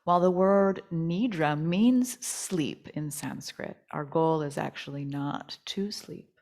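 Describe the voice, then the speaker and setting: Leading guided relaxation as a yoga nidra teacher, this woman keeps her delivery gentle, soothing, and unhurried in a low voice.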